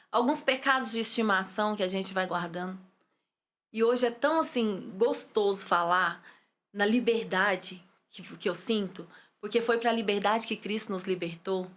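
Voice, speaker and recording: A Brazilian woman, a psychologist and pastor, telling her life story in an interview with fervent, animated energy. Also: a little high. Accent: Brazilian Portuguese. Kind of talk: testimony interview.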